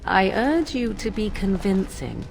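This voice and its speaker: An actress voicing a cool, persuasive young witch in a fantasy game, speaking in formal, archaic, measured phrases. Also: mid-range voice, sing-song, gravelly, over music. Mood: guarded, composed. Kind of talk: dramatic fantasy game dialogue.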